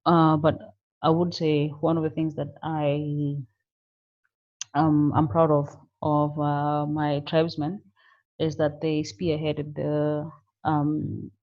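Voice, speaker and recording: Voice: medium pitch, completely flat delivery, takes it slowly, muffled recording. A panel guest from Kenya who speaks hesitantly, with many fillers. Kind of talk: panel discussion.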